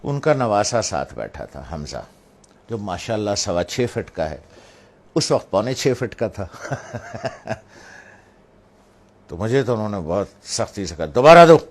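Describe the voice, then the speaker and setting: A man's voice: lowish voice, sing-song, long pauses, darkish tone. A middle-aged man from Pakistan, a religious speaker telling a family anecdote to draw a moral from it. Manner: anecdotal, acts out family members' voices. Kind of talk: storytelling talk with a moral.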